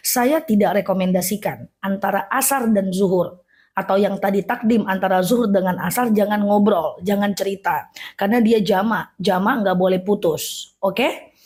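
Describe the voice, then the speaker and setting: A woman with a soft, breathy voice teaches a casual religious lesson. She explains each step patiently and checks in often with a friendly "okay?". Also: mid-range voice, moderate pace.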